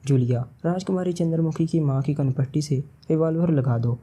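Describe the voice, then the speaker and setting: A man's voice: on the high side, mellow, breathy edge. A man reading the part of a stern male secret agent who speaks in a cold, serious tone.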